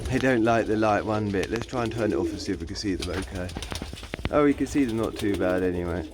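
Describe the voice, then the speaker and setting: A man's voice: lowish voice, fast, background noise. A man keeping pigeons, chatting on a casual vlog and coaxing his birds in a raised, fond voice, with hesitant fillers. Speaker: pigeon keeper. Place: pigeon aviary. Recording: loud birds cooing behind. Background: pigeons cooing.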